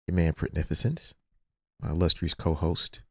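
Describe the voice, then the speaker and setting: A man in his forties hosting a casual podcast chat, laid-back and quick to laugh. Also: sits low, a little mellow, no echo, studio quality. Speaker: podcast host.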